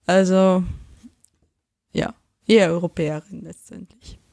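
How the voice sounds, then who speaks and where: A woman's voice: on the low side, fairly even intonation, unhurried, vocal fry, darkish tone, dry recording. A young woman, chatting as a guest and animatedly acting out the people she quotes. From Switzerland. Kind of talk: casual conversation.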